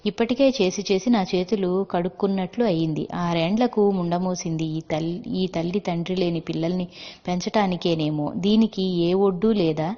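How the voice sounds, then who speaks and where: A woman's voice: lowish voice, normal speed, dark tone, close to an everyday voice. A woman voicing a loving, worried old great-grandmother over 60, speaking in an earnest, coaxing way in a storybook reading. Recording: dull lo-fi with long reverb.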